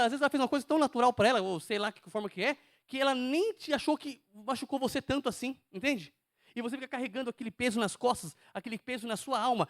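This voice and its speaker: A man delivers a sermon in a high-pitched voice, speaking emphatically and repeatedly turning questions on his listeners. The sound is close and dry, with no room around it. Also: fairly bright tone, no room sound. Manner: emphatic, asks the congregation questions. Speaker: preacher.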